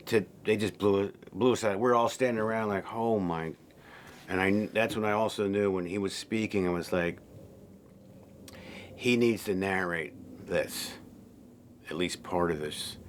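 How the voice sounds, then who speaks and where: A man's voice: on the low side, a little hiss or hum. A film director talking casually and enthusiastically about casting his series, with frequent fillers. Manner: relaxed, enthusiastic, many fillers. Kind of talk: casual behind-the-scenes interview.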